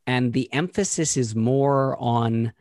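Thinking out loud as a podcast co-host, this man speaks in a relaxed, casual discussion, pausing, restarting, and filling gaps as he goes. His mid-range voice is a little mellow. The recording is very dry, with no echo.

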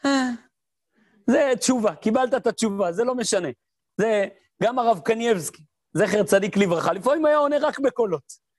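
A rabbi gives a Torah lesson in a voice that sits high for a man. He tells his stories with energy, mimics the sounds in them, and fires off his own questions before he answers them. The recording is close and dry, with no room sound. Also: no room sound. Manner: lively storyteller who mimics sounds and voices. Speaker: rabbi teaching a class.

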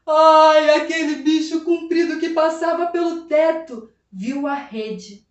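A woman storyteller with a high voice tells a folk tale with dramatic swings, calling out to her listeners. The sound is roomy and echoing, with the mic set some way off. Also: unhurried, a little mellow, highs cut off. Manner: dramatic, addresses listeners often. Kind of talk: oral folk tale telling to an audience. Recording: roomy, from a distance.

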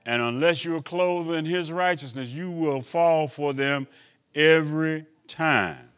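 Preaching bishop with a high voice. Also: male voice, slow, clean tone. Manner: preaching with call-and-response asides; swings between loud emphasis and quiet asides. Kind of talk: sermon.

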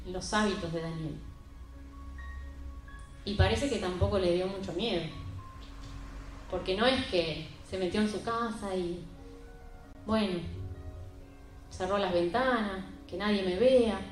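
A woman preaching a sermon and retelling a Bible story in an emphatic, conversational way. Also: mid-range voice. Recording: very echoey room with faint music.

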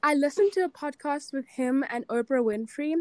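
A woman's voice: high-pitched, lively intonation, moderate pace. A young woman, co-hosting a casual podcast chat, talking loosely with lots of "like". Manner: chatty, peppered with "like". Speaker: podcast co-host.

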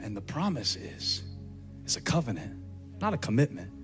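A man preaching a sermon as a pastor, in a rhythmic style that stacks repeated phrases and climbs to shouts. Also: mid-range voice, sing-song, normal speed, soft background music.

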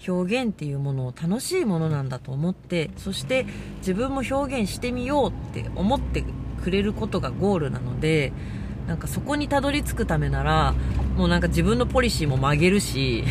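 A woman hosting a casual monologue, telling a story with lively delivery and acting out the voices she quotes. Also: mid-range voice, background noise. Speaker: podcast host.

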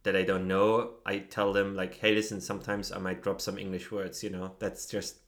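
A low-voiced man from Germany, a native German speaker, co-hosts a casual conversational podcast. He talks at normal speed and stays relaxed, peppering his speech with "you know" and "like."

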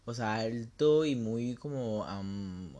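A young Mexican man spinning a story in loose, slang-heavy chat. His pitch sits in an ordinary middle range. He jumps into voices for the people in his story. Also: slow pace. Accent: Mexican Spanish. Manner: slangy, animated, acts out quoted lines.

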